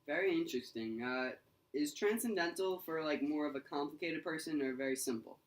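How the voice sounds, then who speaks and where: A man's voice: on the high side, a little fast, low-quality recording. A young man hosting a mock interview in an amateur school skit, asking questions with hesitant uhs.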